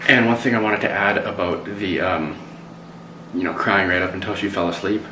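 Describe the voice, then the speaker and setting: A man with a very low voice talks casually at home, relaxed and a little hesitant, dropping in playful slang. He sits away from the mic in an echoey room. A faint hiss runs underneath. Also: moderate pace. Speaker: vlogger parent. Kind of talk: casual chat. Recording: roomy and distant from the mic, faint noise.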